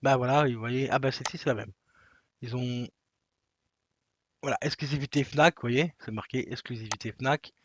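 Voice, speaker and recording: A man's voice: medium pitch, fairly even intonation, moderate pace, pauses often, no echo. Rambling casual man, dry dull sound. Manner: rambling, many fillers and restarts. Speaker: collector comparing toy prices. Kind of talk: casual screen-recorded walkthrough.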